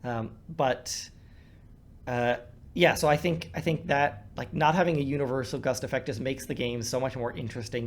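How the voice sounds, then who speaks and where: Man musing aloud, full of fillers. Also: medium pitch. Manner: thinks aloud with many fillers and restarts. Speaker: co-host discussing a card game. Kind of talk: casual gameplay commentary.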